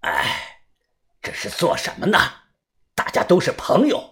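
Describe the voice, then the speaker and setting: Old man elder, voiced by a man, deep, slow, soothing, storybook. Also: huge pitch swings, fairly bright tone, exaggerated voice. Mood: placating.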